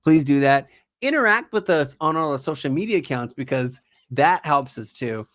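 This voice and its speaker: A man's voice: fairly high pitch, animated, moderate pace, a bit bright. A man co-hosting a casual gaming podcast, rambling and profane, who repeats himself as he reads off the show's plugs. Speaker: podcast co-host.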